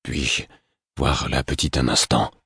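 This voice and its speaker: A hoarse, grieving older man , as a male narrator puts him on murmurs slowly in a very deep, husky voice. The audiobook recording is dry and close. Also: steady tone, fairly bright tone, no room sound, heavily acted. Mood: weary, grieving. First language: French. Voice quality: hoarse, heavy-hearted. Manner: slow, low, murmured. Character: weary grieving older man, gruff stable master.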